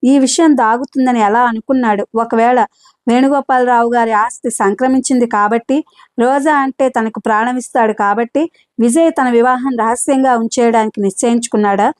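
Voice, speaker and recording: Woman narrator for an audio novel, steady and measured, slightly high voice, dry close mic. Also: no echo.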